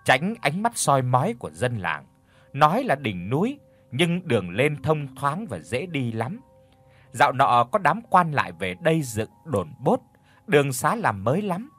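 A man narrating an audiobook story in an expressive, scripted style. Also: mid-range voice.

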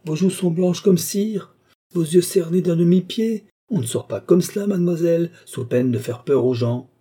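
A man voicing an irascible aging nobleman scolding his daughter in an exasperated, sharp manner. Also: mid-range voice, lively intonation, moderate pace, breathy edge.

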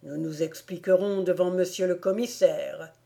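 A woman voicing a portly, good-natured aging village policeman in a storybook reading, with a slow, booming, jovial manner. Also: fairly even intonation, gravelly, warm tone.

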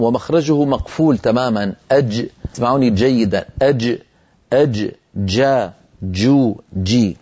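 A middle-aged Syrian man teaches Quran recitation on a broadcast lesson, drawing out letter sounds syllable by syllable. His voice is mellow and unhurried. The audio is a little muffled, like an old TV recording. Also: mid-range voice.

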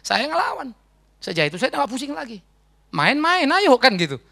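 A middle-aged male pastor from Sumatra preaching a sermon, telling his life story in a lively way, acting out voices and laughing often. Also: very high voice, normal speed, vocal fry. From North Sumatra. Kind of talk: sermon with personal testimony.

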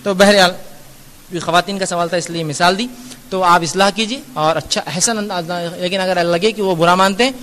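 A man's voice: high voice, steady tone, a bit bright, long reverb tail, a little hiss or hum. A man giving a Q&A religious lecture, earnest and admonishing, explaining through everyday examples. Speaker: Islamic lecturer answering audience questions.

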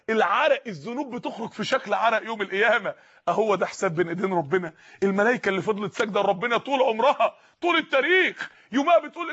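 A man with an Egyptian Arabic accent preaching a sermon in an impassioned way, raising his voice to shouts. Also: very high-pitched. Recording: muffled lo-fi recording.

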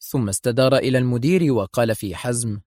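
Man reading a spy novel aloud, steady pace, mid pitch, dead dry sound. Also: fast, no room sound. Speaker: narrator. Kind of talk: audiobook narration of a spy novel.

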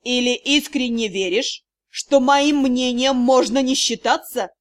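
A woman reading an audiobook, voicing a furious male dark-lord magister in a hoarse, menacing voice. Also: on the low side, normal speed, no room sound, pitched below the performer's own voice, lightly acted. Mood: icy, furious. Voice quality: hoarse, growling. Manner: threatening, icy, commanding. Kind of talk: audiobook character voice.

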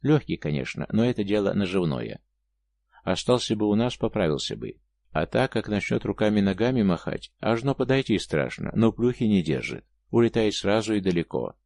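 A man reading as a gloomy, taciturn male warrior in a storybook: gravelly, grave and measured. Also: fairly low pitch, very animated, darkish tone, no echo, studio quality.

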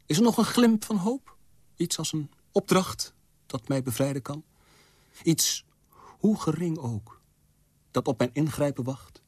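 A man's voice: a little high, lively intonation, unhurried, long pauses, darkish tone, breathy edge, no room sound, voice pushed up. A man reading aloud, voicing a bitter, impatient dying old man who questions his fate. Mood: anguished. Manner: anguished questioning, biting. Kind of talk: literary reading.

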